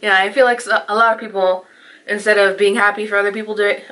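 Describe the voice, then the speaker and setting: A young woman vlogging to her viewers in a chatty, animated way, often laughing. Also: medium pitch, quick pace, low-quality recording. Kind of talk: casual chat to camera.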